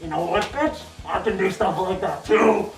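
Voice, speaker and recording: Archon Necros, a man doing a high gravelly villain. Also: moderate pace. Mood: furious. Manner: shouting taunts and insults. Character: ranting male villain overlord, petty and boastful. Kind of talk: comedy sketch acting. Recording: echoey room from a distance over music.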